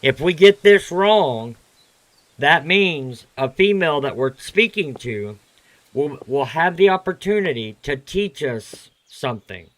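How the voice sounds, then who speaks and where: A man's voice: a little high, animated, unhurried, a bit bright. A man casually joking and teasing while streaming a video game. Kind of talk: casual gameplay commentary.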